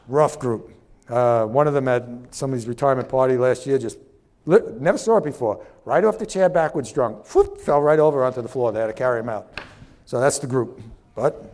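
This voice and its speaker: A man's voice: fairly high pitch, a little mellow. A middle-aged man preaching a sermon as pastor, impassioned and preachy, sweating as he talks. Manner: impassioned, preachy, acts out little dialogues.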